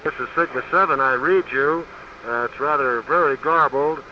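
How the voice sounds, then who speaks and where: A man in a spacecraft reporting over a garbled radio link that keeps breaking up, speaking calmly in clipped radio procedure with hesitant pauses. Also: mid-range voice. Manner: calm, matter-of-fact, with hesitant "uh" pauses. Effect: garbled radio link with the call breaking up. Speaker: astronaut in a spacecraft. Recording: muffled, hissy 1960s radio transmission.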